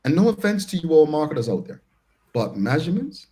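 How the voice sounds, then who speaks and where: A man's voice: on the high side, very animated, quick pace, warm tone. A man with a Bermudian accent hosting a talk show, speaking colloquially and emphatically in casual, opinionated discussion.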